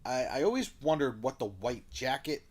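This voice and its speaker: A man's voice: medium pitch, very animated, moderate pace. A man co-hosting a podcast, casually and animatedly retelling film scenes and swearing freely. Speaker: podcast co-host. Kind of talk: casual chat.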